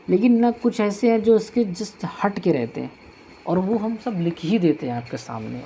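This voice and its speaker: A man's voice: sits high, warm tone, slight background noise. A male teacher giving a classroom grammar lesson, patiently repeating each point as he writes it out on a board.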